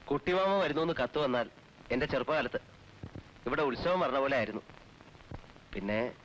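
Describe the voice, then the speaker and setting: A man's voice: mid-range voice, lively intonation, normal speed, a bit bright, lo-fi sound, a little hiss or hum, natural voice. An actor playing a devout middle-aged man who heads a traditional household, speaking in a stern, formal way that turns earnest. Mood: gentle. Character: devout middle-aged man, strict but kind-hearted. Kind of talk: 1980s film drama.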